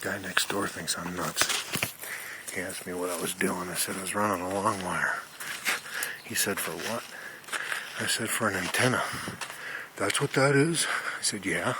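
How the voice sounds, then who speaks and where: Speaking low at a normal speed and pausing often, the man wanders folksily through an explanation of his radio setup. It's a casual tour filmed on a handheld camera outdoors in wooded mountain terrain, with noisy audio.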